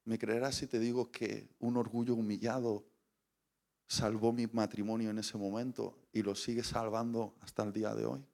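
A man, preaching a sermon as an animated storyteller who acts out scenes and voices. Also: on the low side, moderate pace, vocal fry.

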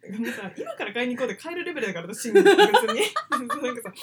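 Woman around 30, podcast co-host, casual playful chat, bright high voice that swings widely, laughs a lot. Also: sing-song, fast, a crowd in the background. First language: Japanese. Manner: chatty, laughs often, playful.

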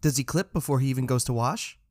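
A man voicing a playful young woman student who teases with quick questions. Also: mid-range voice, a little mellow, dry recording, studio quality, natural voice.

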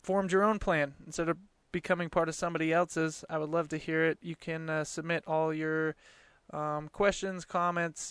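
Man, late twenties, solo podcaster, slightly high pitch, dry close closet sound, informal and earnest, conversational. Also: fairly bright tone, clear, resonant tone, no echo. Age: late 20s. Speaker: podcast host. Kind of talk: casual solo podcast monologue. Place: small closet.

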